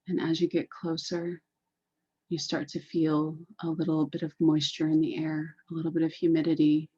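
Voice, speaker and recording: A woman leads a meditation in a completely flat, very slow, calming delivery, her low voice dark and mellow with a soft huskiness. She repeats phrases on purpose, and the recording has a slightly dull quality.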